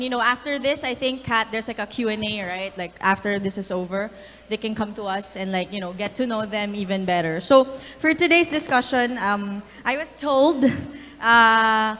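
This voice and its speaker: A woman's voice: on the high side, fairly bright tone. Chatty woman moderating a panel. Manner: chatty, friendly, many fillers. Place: conference stage. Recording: reverberant event hall.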